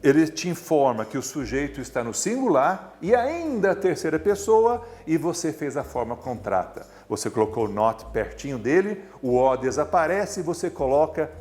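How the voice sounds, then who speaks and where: A man's voice: fairly high pitch, big pitch swings, normal speed, few pauses, a little mellow. Patient Brazilian man teaching English grammar. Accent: Brazilian Portuguese. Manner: patient, explanatory, stretches words for emphasis. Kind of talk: recorded video lesson.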